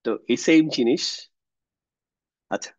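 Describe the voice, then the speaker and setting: A man's voice: unhurried, a little mellow, dry recording, lo-fi sound. A man teaching Quranic Arabic grammar in an online class, explaining patiently and repeating himself with many fillers.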